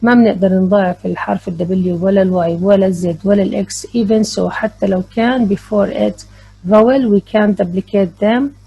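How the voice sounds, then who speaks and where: A woman's voice: mid-range voice, steady tone, normal speed, creaky, mellow, breathy edge, muffled recording. A woman teaching an English grammar lesson, mixing English with explanations and spelling out letters. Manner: switches between English and Arabic, spells out letters.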